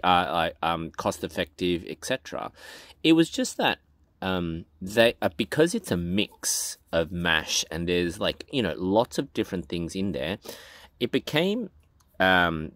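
A man's voice: deep voice, no echo. A man vlogging casually from his backyard chicken run, talking hesitantly with many ums and restarts. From Australia. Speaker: gardening vlogger. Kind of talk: casual talk to camera.

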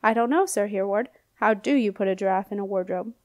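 A woman's voice: medium pitch, fast talker, no echo, studio quality, lightly acted. Woman doing a polite teenage princess. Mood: subdued. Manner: subdued, polite. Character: girl princess turning fourteen, gloomy.

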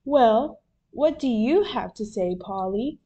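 A woman doing an excitable little boy frog. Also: a little high, slow, lo-fi sound. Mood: excited. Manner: eager, loud exclamations.

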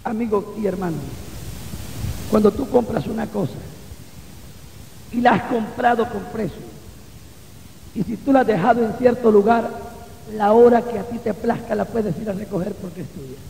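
A man's voice: high voice, normal speed, creaky, long pauses, warm tone, slight background noise. A man preaching and giving testimony at a church service, fervent and breaking into repeated exclamations of praise. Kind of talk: evangelical sermon and testimony. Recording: echoey hall with long reverb.

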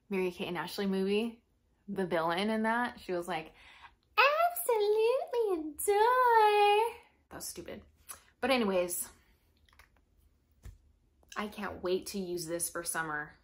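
Casual young American woman talking with braces. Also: medium pitch. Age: young adult. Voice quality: slightly impeded articulation from braces. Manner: informal, expressive, slangy. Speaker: perfume reviewer. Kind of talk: casual chat, product review to camera. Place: small furnished room at home, indoors.

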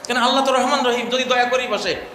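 A man's voice: very high voice, fairly even intonation, quick pace, pushed and bright. A male preacher voicing an indignant, zealous male archangel who speaks urgently in a reverberant hall. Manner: urgent, exclamatory. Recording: echoey hall, faint noise.

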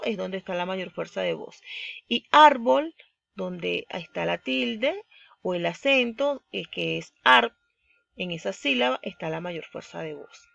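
A woman teacher with a Venezuelan accent who gives a recorded online lesson, speaking slowly and deliberately and stressing the example words. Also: medium pitch, creaky, fairly bright tone, muffled recording.

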